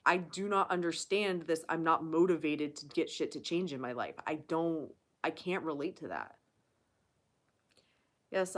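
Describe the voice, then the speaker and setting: Low-voiced woman doing a live q&a, blunt, swears a lot, talks straight at you. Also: a bit bright. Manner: blunt, profane, emphatic. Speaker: channel host. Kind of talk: casual live Q&A chat.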